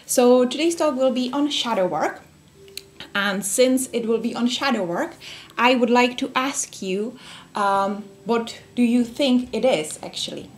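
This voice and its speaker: A young Czech woman with a Czech accent gives a friendly, casual workshop talk to a small group in a room, using plenty of fillers and restarts. Her voice is a little high and unhurried, and there's a little hiss or hum on the recording.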